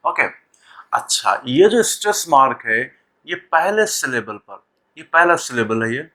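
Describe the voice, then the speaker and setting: Slow, bright-voiced male teacher. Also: fairly high pitch. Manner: deliberate, repeats sounds and words, many pauses. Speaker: English teacher. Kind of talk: classroom lesson explaining pronunciation.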